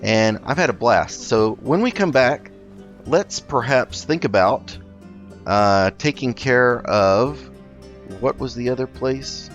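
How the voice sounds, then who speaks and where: A male gaming video host chats and thinks aloud through a casual roleplay let's play, his medium-pitched voice animated and slow. The mic sounds slightly dull, with faint game music running underneath.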